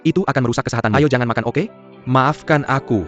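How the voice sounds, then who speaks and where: A man's voice: mid-range voice, fast, a bit bright, lightly acted. A man dubbing a defensive, pleading husband in a drama, recorded dull with music behind. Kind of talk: dubbed drama dialogue.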